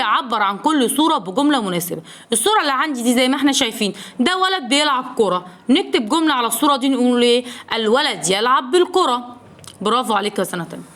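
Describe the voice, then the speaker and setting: A woman's voice: high voice, a bit bright. A woman teaching a recorded Arabic lesson for young pupils in an Egyptian accent. She asks the children questions and then answers them herself, repeating the key words. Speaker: primary school Arabic teacher.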